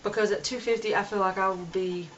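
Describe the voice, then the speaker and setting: A woman's voice: medium pitch, steady tone, fast talker, a little hiss or hum. Earnest woman vlogging on lo-fi audio. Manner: earnest, rambling with restarts. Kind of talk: casual vlog monologue. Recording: dull lo-fi home video.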